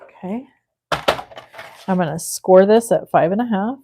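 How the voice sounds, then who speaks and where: A woman's voice: mid-range voice, slow, a little mellow, a little hiss or hum. A woman in her forties hosting a live crafting stream, chatting casually with viewers and thinking aloud as she works. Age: 40s. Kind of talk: casual chat while crafting.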